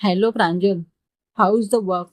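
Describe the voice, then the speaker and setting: A woman's voice: mid-range voice, fairly even intonation, normal speed, no room sound, close to an everyday voice. A woman storyteller voicing a friendly, teasing young male coworker in a dry, close recording. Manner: easygoing, teasing.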